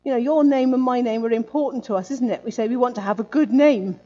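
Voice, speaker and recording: A woman's voice: a little high, quick pace, dark tone, dull audio. A woman preaching a sermon in a conversational way, often adding tag questions.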